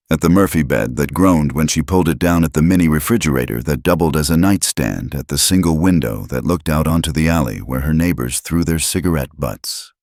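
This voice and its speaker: A man narrating a dramatic story in a steady, scripted storytelling voice. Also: rumbling low, no room sound, clean studio sound.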